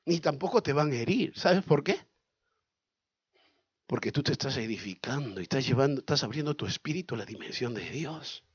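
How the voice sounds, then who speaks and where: A male pastor, preaching a sermon in an animated way, asking questions and acting out scenes. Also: mid-range voice, fairly quick, husky, no room sound, lo-fi sound. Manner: animated, asks the congregation questions, acts out scenes.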